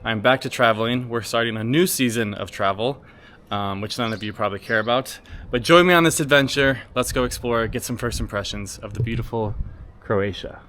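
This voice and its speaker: An American travel vlogger with a brisk, slightly bright mid-range voice chats casually and unscripted to the camera while walking through a city outdoors. He's informal and rambling, full of slang, and the audio is clearly noisy with street traffic.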